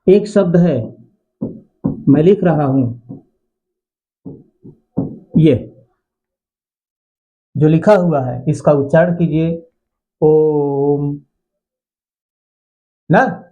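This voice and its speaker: Man, grammar teacher, classroom lecture, slow, repeats phrases, dull lo-fi recording. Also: fairly high pitch, warm tone. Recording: dull lo-fi sound.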